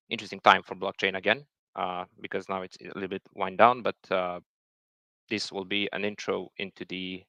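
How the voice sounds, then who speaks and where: A man's voice: deep voice, sharp tone, clean tone, dry recording. A man giving a technical talk, hesitant and full of fillers and repeated words. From Serbia. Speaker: software engineer presenting a talk. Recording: dull lo-fi sound.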